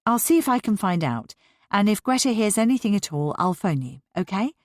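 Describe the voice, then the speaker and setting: A woman's voice: mid-range voice, sing-song, brisk, darkish tone, dry recording, clean studio sound, lightly acted. A woman reading the part of another teenager's mother who chats in a soothing, reassuring way. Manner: soothing, chatty. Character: reassuring mother of a teen girl, chatty.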